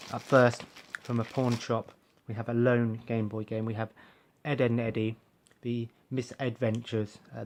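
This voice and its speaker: A young man, talking quietly in a rambling vlog at home, with plenty of ums and uhs. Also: medium pitch. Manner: soft-spoken, keeping his voice down. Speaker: collector showing purchases. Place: bedroom at home.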